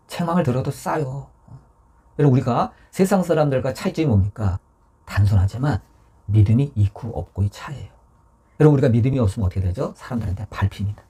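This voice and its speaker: A man preaches in a church with a very husky, mellow voice. His pitch swings widely as he acts out voices from scripture. At times he falls to a whisper to drive a point home. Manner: animated preaching, acting out scripture voices, dropping to whispers for emphasis. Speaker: pastor. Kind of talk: sermon.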